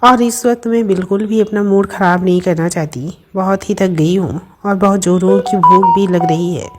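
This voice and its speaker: Brief: woman voicing a shy, tired young woman for a storybook, mid pitch. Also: fairly even intonation, normal speed, over loud music, close to an everyday voice. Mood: chatty. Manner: shy, playful with her friend.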